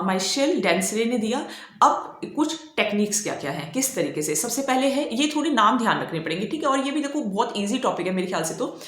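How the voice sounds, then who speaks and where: A woman's voice: mid-range voice, reverberant. A woman teaching an online exam-prep lecture. She switches between Hindi and English and keeps checking in with "okay" as she explains.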